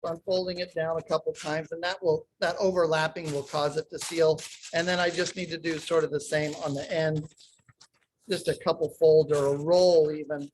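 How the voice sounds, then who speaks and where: A man's voice: a little high, flat delivery, moderate pace, darkish tone, slight background noise, poor audio. A man teaching a live online cooking demonstration over a video call, explaining step by step while he works, his audio cutting in and out with uneven volume. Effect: audio cutting in and out, uneven volume over an unstable internet call. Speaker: cooking instructor.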